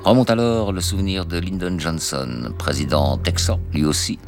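A man narrating a news documentary in a measured, questioning scripted delivery. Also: low voice. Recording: voice-over with music underneath.

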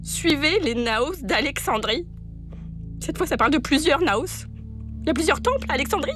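A scheming villainess speaks in a high, swooping voice, fawning and theatrical. It is audio drama with clear music behind. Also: female voice, lively intonation, moderate pace, fairly bright tone. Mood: scheming, deferential. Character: scheming, obsequious female kidnapper and thief. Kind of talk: scripted audio drama acting.

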